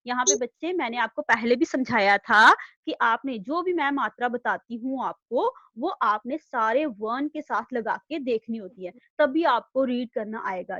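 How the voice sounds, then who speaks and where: A woman's voice: fairly high pitch, bright, forceful tone, no room sound, highs cut off. A woman teaching an online class to young children, patient and repeating herself. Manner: patient, repeats "thik hai?" after nearly every line. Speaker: primary school teacher. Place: home room, online video class.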